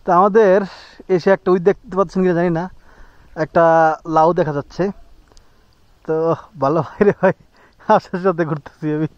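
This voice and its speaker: A man's voice: high voice, fairly even intonation, moderate pace, pauses often, no echo, muffled recording. A young man chatting casually to viewers in a family vlog outdoors at a rural home, coaxing his small son along the way. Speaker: family vlogger.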